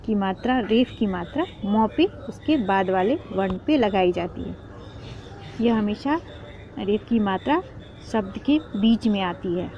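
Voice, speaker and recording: Woman teacher, slow patient lesson, repeats each sound, muffled lo-fi audio. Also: mid-range voice, mellow. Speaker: Hindi teacher for parents. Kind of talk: step-by-step spelling lesson. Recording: dull lo-fi with faint noise.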